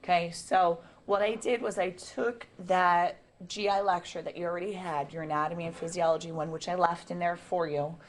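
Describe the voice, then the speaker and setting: A woman giving a classroom lecture in a chatty, relaxed way, asking the students questions as she goes. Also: fairly low pitch, normal speed, hardly any pauses, slight background noise.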